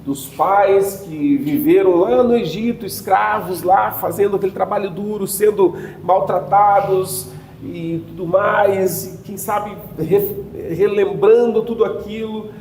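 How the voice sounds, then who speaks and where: A Brazilian pastor with a southern Brazilian Portuguese accent, preaching in a relaxed, conversational way, with many fillers and quotes he acts out. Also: high-pitched, slow pace, reverberant, slight background noise, low-quality recording. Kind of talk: sermon. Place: church hall.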